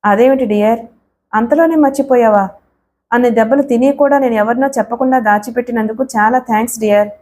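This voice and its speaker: A woman's voice: fairly high pitch, brisk, darkish tone, a little hiss or hum, natural voice. A woman voicing a mysterious, teasing young woman who calls on the phone and gives sweet, mocking orders.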